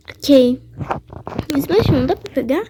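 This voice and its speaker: A woman's voice: extremely high pitch, very noisy. A woman giving casual gameplay commentary, chatty and playful, talking back to the game characters. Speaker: gaming channel host.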